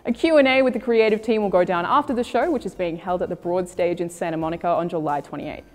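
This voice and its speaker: A woman's voice: on the low side, fast. A woman reading scripted video game reviews and news as a presenter. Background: music.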